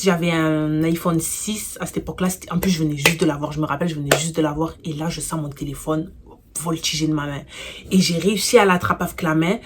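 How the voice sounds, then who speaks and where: A woman casually telling a personal story for her vlog, animated and slangy, full of fillers, getting louder and more intense as the tale heats up. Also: on the low side, a little hiss or hum. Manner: gets louder and more intense while recounting the fight.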